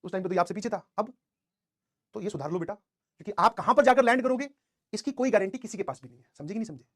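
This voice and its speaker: Young guy teacher, talks super fast with a high voice, animated storytelling to students. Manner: animated storytelling, hints of English. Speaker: coaching teacher. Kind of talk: motivational class talk.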